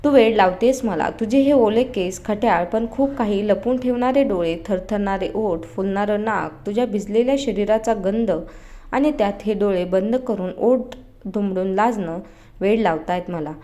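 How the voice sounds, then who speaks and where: A woman's voice: medium pitch, moderate pace, mellow, close to an everyday voice. A woman reading as a teasing young man.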